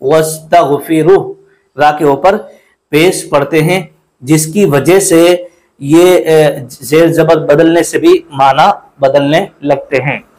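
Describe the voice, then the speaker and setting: Slow, deliberate man teaching recitation. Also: fairly high pitch, steady tone, a little mellow, rough recording. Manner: slow and deliberate, repeats words to correct pronunciation; chants verses in melodic recitation between explanations. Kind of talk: explaining and demonstrating recitation.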